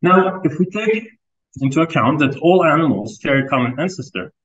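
A Palestinian man in his thirties, heading a research group, gives an academic seminar talk to students and postdocs in a lecture room. His voice is a little high with lively intonation and a moderate pace, and his conversational style is loose, packed with fillers and restarts. The audio sounds dull.

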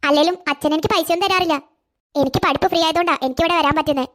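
A meek, stammering cartoon schoolgirl in her early teens, voiced by a woman. Her voice sits very high and the words tumble out quickly. She sounds timid and easily brought to tears. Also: a bit bright. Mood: earnest. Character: poor, timid schoolgirl in eighth grade. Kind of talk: cartoon voice acting.

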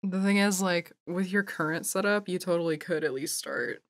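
A woman's voice: lowish voice, moderate pace, dry recording. A woman co-hosting a podcast in casual chat, with a teasing, dry manner. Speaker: podcast co-host.

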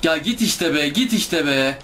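A young man talks his way through a tough game, groaning, complaining and pleading with the enemies. His voice sits a little high for a man. A faint hiss of noise runs under the recording. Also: expressive, measured pace, sharp tone. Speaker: gameplay streamer. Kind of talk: live gameplay commentary.

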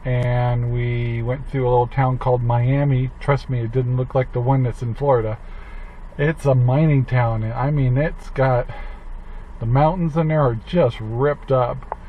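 A man in his fifties talking casually about an RV road trip, relaxed and rambling with many fillers, recorded in his truck and outside his RV. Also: mid-range voice, unhurried, phone-quality sound, slight background noise. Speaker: RV travel vlogger. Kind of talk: casual travel vlog chat. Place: in a pickup truck, then outdoors beside an RV.

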